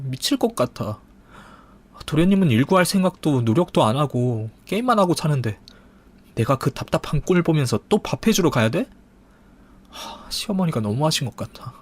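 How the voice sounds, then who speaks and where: A man's voice: medium pitch, darkish tone, slightly rough. A man voicing a young wife who sounds wronged, pleading and upset.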